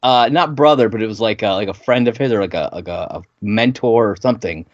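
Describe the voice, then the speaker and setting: An easygoing man co-hosting a podcast who rambles a little and laughs often. His voice is on the low side, and the recording is dry and a bit muffled. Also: brisk, no room sound. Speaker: podcast co-host. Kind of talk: casual chat recapping a sitcom episode. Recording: dry, dull lo-fi sound.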